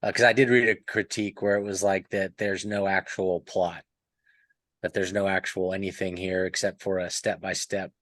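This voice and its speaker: A man's voice: deep voice, level tone, normal speed, a bit bright, no echo. A man in a casual podcast book discussion, rambling and thinking aloud as he talks. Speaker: podcast panelist.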